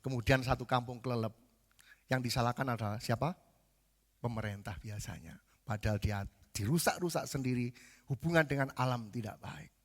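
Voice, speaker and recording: A man preaching a sermon, animated, rising loud for emphasis. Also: medium pitch, moderate pace. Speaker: pastor. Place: large church hall. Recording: long hall reverb.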